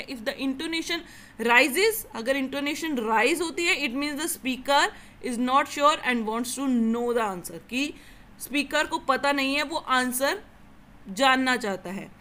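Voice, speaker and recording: A young Indian woman teaching a grammar lesson in a high, bright voice. She reads the English rules out slowly and deliberately. Then she switches to brisk Hindi explanations.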